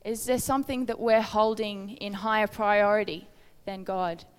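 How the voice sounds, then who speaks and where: Woman giving a chatty earnest sermon, average pitch, big hall with long reverb tail. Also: fairly even intonation, normal speed, clear, resonant tone. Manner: conversational, earnest, asks the listeners questions. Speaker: preacher. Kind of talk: informal sermon with Bible reading.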